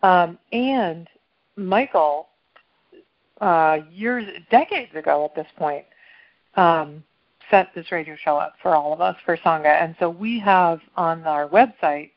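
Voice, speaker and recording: A woman's voice: lowish voice, muffled recording. A woman facilitating a call-in radio show, chatting with callers in an encouraging, affirming way. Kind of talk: casual call-in radio conversation.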